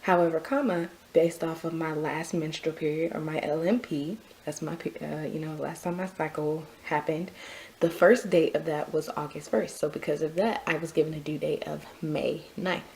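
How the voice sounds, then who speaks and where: A young woman vlogging a casual pregnancy update, a little out of breath, chatty and quick to laugh. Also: low-pitched, fairly even intonation, a little mellow, a little hiss or hum. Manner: chatty, repeats herself, laughs often. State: slightly out of breath.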